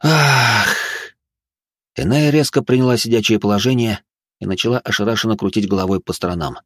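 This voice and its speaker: A man narrating a fantasy audiobook in a steady, measured reading. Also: fairly low pitch, no room sound, studio quality.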